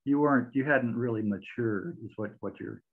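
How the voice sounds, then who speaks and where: A man's voice: mid-range voice, moderate pace. A man with a middling voice asks friendly questions, stumbling and repeating words as he goes. His voice comes through a thin, phone-like video call line from a home room. The audio is narrow and tinny throughout. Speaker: interviewer host. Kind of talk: casual interview over video call. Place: home room with record shelves. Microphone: video call webcam mic.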